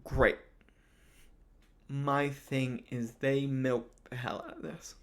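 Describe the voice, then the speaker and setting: A man's voice: mid-range voice, fairly even intonation, takes it slowly. A man hosting a casual wrestling recap, talking loosely with lots of fillers and restarts. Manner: rambling, many fillers and restarts.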